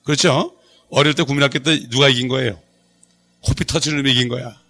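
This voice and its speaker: A man's voice: medium pitch, fairly even intonation, fast, sharp tone. A middle-aged male pastor preaching a Bible study sermon, quizzing the congregation and joking with them. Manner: call-and-response preaching, asks the congregation questions; jokes and laughs with the congregation.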